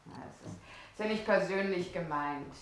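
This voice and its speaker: A woman's voice: lowish voice, normal speed, noisy background, natural voice. An actress playing a fussy, condescending woman who chatters on, in 1960s German radio drama acting. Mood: chattering.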